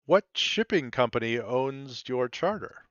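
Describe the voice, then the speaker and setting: A man running a tabletop role-play game, speaking measured and filling pauses with ums and uhs. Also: medium pitch, expressive, a bit bright, dry recording, lo-fi sound. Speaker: game master. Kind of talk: tabletop role-play narration and character voicing.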